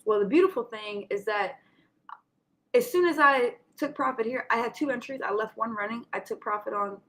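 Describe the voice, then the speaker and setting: A woman's voice: a little high, normal speed, fairly bright tone, a little hiss or hum, poor audio. A woman coaching traders in informal live chart commentary, instructive and direct with listeners, with a slight lisp from wearing a retainer. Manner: instructive, addressing listeners directly, checking with "right?". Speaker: trading coach hosting a market session.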